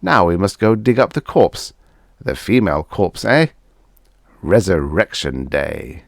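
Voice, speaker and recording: A man performs a full character voice as a shifty older mad doctor in a science fiction audiobook: fussy, theatrical, patronizing, gleeful and smug. His low voice is pitched above his own natural range, delivered unhurried and sing-song in studio quality with no echo.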